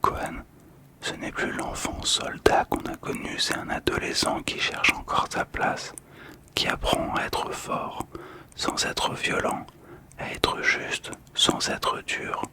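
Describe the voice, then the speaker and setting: A man hosts an ASMR video, whispering a card description breathily, close to the microphone. He speaks gently and soothingly with pauses, and the close ASMR mic is monitored on headphones.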